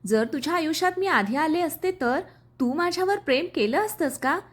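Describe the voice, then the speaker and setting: A woman's voice: high-pitched, expressive, moderate pace, pitched above the performer's own voice. A woman voicing a hopeful, emotional young woman in a storybook reading, asking questions eagerly.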